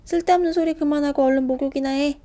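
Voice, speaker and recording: A woman's voice: high-pitched, steady tone, fast, warm tone, pitched above the performer's own voice, lightly acted. A woman voicing an exasperated mother scolding her two young sons.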